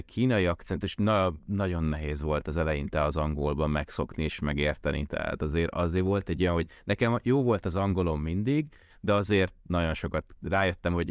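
Here a man from Hungary, a tech worker who relocated abroad, speaks as a casual podcast interview guest in a smooth, low voice. He keeps rephrasing and doubling back mid-sentence. The sound is clean studio audio without echo.

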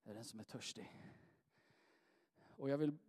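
A man preaching a sermon in a church, swinging between loud rising calls and soft, quiet appeals. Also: medium pitch. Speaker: pastor. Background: soft guitar music.

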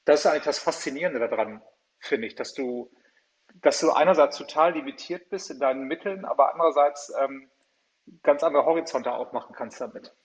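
A man in a casual podcast chat explaining radio advertising in a relaxed way. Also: fairly high pitch, brisk, poor audio. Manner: relaxed, addresses listener as du.

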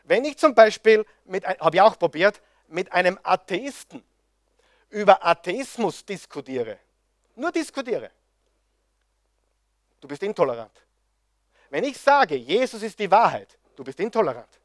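Male preacher, high voice, dry sound, fervent rhetorical questions. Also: big pitch swings, moderate pace, no echo. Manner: impassioned, with rhetorical questions to the audience. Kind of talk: sermon.

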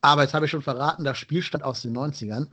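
A man's voice: fairly high pitch, fast talker, bright, forceful tone, slightly rough. A man hosting a podcast in a conversational style, introducing and questioning his guest. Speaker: podcast host.

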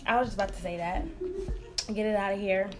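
Confiding, informal woman with a mid-pitched voice. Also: quick pace, slight background noise. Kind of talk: casual chat. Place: room in a library.

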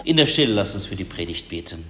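A man preaching a sermon as pastor in a church, slow and measured, rising for emphasis. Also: deep voice, sing-song, background noise. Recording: long reverb of a church hall.

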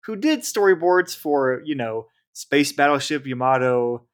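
A man's voice: mid-range voice, animated, a little slow, smooth. A man hosting a podcast, chatting casually and reading episode credits with little stumbles and frequent laughs. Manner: laughs often, reads credits with small stumbles. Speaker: podcast host.

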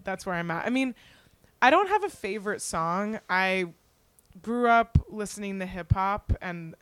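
A woman's voice: mid-range voice, lively intonation, measured pace, fairly bright tone, clear, resonant tone, no echo. A young woman in casual conversation, speaking in a candid, rambling, self-deprecating way. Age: young adult. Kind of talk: casual chat.

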